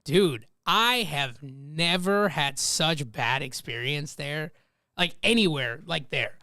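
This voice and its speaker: A man co-hosting a casual business podcast, telling a story in a lively way, acting out what people said and swearing freely. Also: fairly high pitch, slow pace, dry recording, studio quality. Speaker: podcast co-host. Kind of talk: casual chat.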